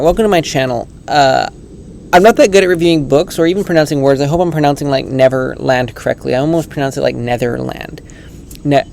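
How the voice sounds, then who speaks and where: Male book vlogger, casual and earnest, slightly higher pitch, rambling delivery. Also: creaky, darkish tone, a little hiss or hum. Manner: earnest, rambling, many restarts. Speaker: book reviewer. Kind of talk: casual vlog book review.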